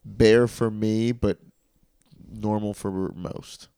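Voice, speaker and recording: A man's voice: lowish voice, steady tone, very slow, gravelly, dark tone, smooth, no echo. A young man co-hosting a podcast in casual, rambling chat, often restarting his sentences. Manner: laid-back, rambling, self-interrupting. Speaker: podcast co-host.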